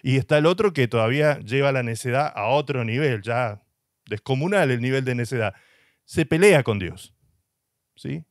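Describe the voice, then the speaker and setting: A man's voice: mid-range voice, moderate pace, dry recording. Man, pastor, sermon, emphatic, rhetorical questions, dry close sound. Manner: mocks with short put-on voices. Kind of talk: preaching a sermon.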